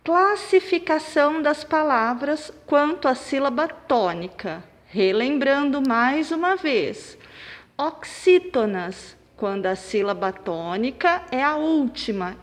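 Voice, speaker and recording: A woman, a primary school teacher taking children through a worksheet. She speaks slowly and punches out stressed syllables. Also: high voice. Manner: slow, clapping out syllables and stressing them loudly. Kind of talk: recorded remote lesson for children. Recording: long reverb, room echo.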